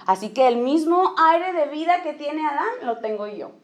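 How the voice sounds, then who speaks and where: Woman giving a casual church talk to other women, higher voice, keeps asking ok?, throws in english bits. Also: expressive, moderate pace. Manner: checks in with the audience with frequent "ok?"; mixes in English phrases. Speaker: speaker at a women's church gathering. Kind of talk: informal teaching talk.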